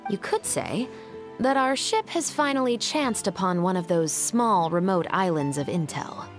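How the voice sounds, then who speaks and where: Over background music, a woman voices an earnest, dutiful young patrol captain in a video game. Her pitch is fairly low and her voice animated, though her delivery stays formal and measured.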